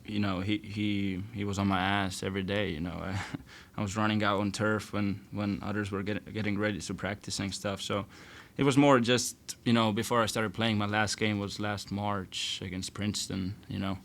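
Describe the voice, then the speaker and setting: A young college basketball player answering postgame questions casually, sometimes searching for words and restarting. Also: male voice, fairly low pitch, little pitch movement, moderate pace, gravelly, few pauses, a bit bright. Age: young adult. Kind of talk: postgame press conference answers.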